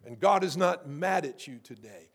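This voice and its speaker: A man's voice: animated, moderate pace, gravelly, husky. A man preaching a sermon to a congregation. He keeps asking them how many know, and he repeats words as he builds up. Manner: rises in pitch and volume to preach with force. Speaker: pastor.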